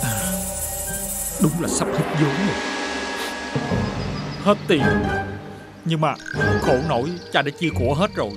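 An actor playing a broke, crude gambling brother in a TV folk-tale drama, with a rough, blustering manner. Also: male voice, fairly high pitch, lively intonation, unhurried, pauses often. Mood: gruff. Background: music.

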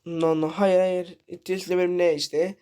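A man's voice: high voice, level tone, brisk, warm tone, clear, resonant tone. A man giving casual commentary over a horror game, reading and translating the characters' lines aloud and swearing freely. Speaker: gaming channel host.

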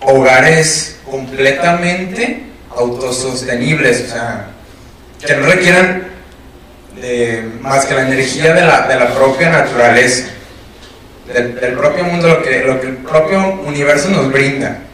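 A man in the audience asking a question, halting and searching for his words. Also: medium pitch, a bit bright, a little hiss or hum. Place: lecture room. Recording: echoey room from a distance.

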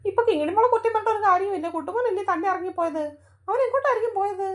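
A woman voicing a gentle grandmother in a cartoon, giving calm advice. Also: extremely high pitch, rapid-fire. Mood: worried. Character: grandmother of the family, gentle and wise. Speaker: cartoon character.

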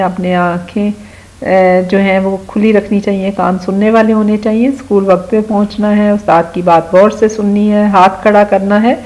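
Woman teacher for a children's lesson, patient, repeats words slowly, mid-pitched. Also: darkish tone, low-quality recording. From Pakistan.

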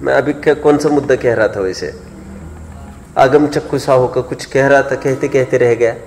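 With a mid-range, steady, slightly mellow voice at a moderate pace, a man preaches a scripture lecture to a live audience in sermon fashion. He frequently asks rhetorical questions and checks that listeners are following; the hall is echoey with long reverb.

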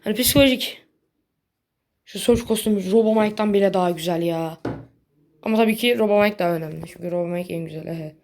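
A woman giving casual gameplay commentary in a blunt, slangy way, quick to get annoyed. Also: mid-range voice, darkish tone, a little hiss or hum. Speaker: gaming video creator.

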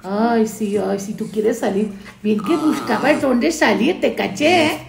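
Lady vlogging on her phone, fry in her voice, roomy echo, bit of hiss. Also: on the high side, a little slow. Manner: chatty, rambling, baby-talks to her dog. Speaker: fan news vlogger. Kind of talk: casual chat to fans. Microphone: phone camera. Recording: echoey room, faint noise.

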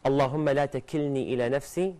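The speaker is a young man with a mid-range voice presenting a televised religious lesson to an audience of studio guests. Animated and gesturing, he recites Arabic verses quickly while wearing a lapel mic.

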